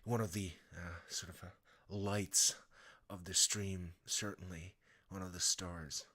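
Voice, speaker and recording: A tired-sounding man talks casually to his live stream viewers, rambling and stumbling with many fillers and restarts. His voice is low, steady, pushed, and bright.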